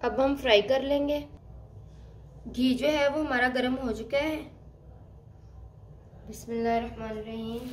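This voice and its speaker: A woman with a high, light voice talks through a home recipe one step at a time. Her delivery is calm and plain, with each stage pointed out to the viewer. A faint hiss sits under the recording. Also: measured pace, long pauses. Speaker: cooking channel host. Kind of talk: step-by-step cooking instructions. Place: home kitchen.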